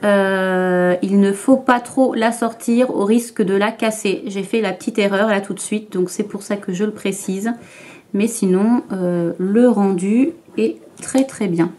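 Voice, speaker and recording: A woman's voice: medium pitch, fairly even intonation, a little slow, darkish tone. A woman vlogger talking through her makeup routine to camera, chatty and hesitant, with frequent fillers and restarts. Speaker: beauty vlogger. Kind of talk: makeup tutorial talk to camera.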